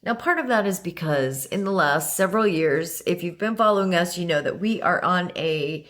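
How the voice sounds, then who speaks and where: A woman co-hosting a podcast in casual chat, hoarse this morning and gushing as she talks. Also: on the low side, normal speed. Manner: lively and gushing. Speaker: podcast co-host.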